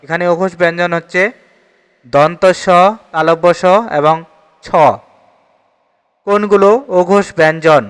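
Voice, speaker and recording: A man's voice: on the high side, fairly even intonation, measured pace, long pauses, a bit bright, clear, resonant tone, big-room sound. A man with a Bangladeshi Bengali accent teaching an exam-prep grammar lesson, steadily reading each question and repeating the answer.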